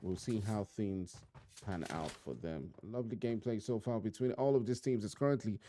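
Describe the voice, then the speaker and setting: A man casts a live mobile shooter tournament, giving play-by-play to viewers in long, running phrases full of chatty asides. He speaks at a moderate pace in a voice on the low side, with slight background noise. His home streaming mic is live-streamed over loud game gunfire and clicks.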